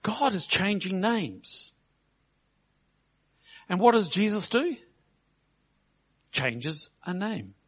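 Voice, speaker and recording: A middle-aged man delivers a relaxed, conversational sermon. His voice sits a touch high for a man, and he slows right down to stress his points and acts out each quote. The recording sounds dull and lo-fi. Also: breathy edge. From New Zealand. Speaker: preacher.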